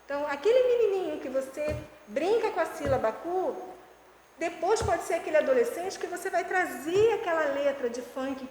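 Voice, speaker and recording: A woman educational psychologist from Brazil chatting and giving teachers lively tips with everyday examples. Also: extremely high pitch, moderate pace, faint music behind. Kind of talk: casual explanatory chat. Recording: echoey room with faint noise.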